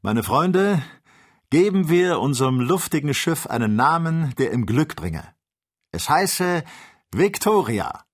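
A man reading aloud, voicing an adult male explorer who speaks calmly and proclaims grandly to his friends. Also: low-pitched, moderate pace, slightly rough. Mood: proclaiming. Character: adult male explorer, calm proud leader.

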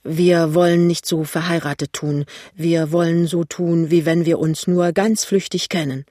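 Ein Mann liest einen verlegenen, hastigen jungen Ehemann in einem Hörbuch. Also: male voice, fairly high pitch, fairly even intonation, darkish tone, dry recording, studio quality. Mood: hasty. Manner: hurried, embarrassed. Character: flustered young husband, shy and hasty. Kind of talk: audiobook reading.

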